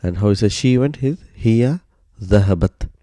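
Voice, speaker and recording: A man teaching a grammar lesson in a low, mellow voice. He explains patiently and step by step, leaning on "so" and "uh" as he goes. The sound is dry and close, with no room around it. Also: expressive, normal speed, dry recording.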